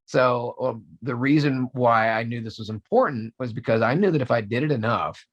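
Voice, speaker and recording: A man in his forties speaks as a guest in a relaxed interview. His voice sits in a middle pitch. He tells a story eagerly, with false starts, and slips into the voices of the people he quotes. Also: moderate pace, dull audio. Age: 40s. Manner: animated storyteller, acts out quotes, many restarts. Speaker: voice actor guest.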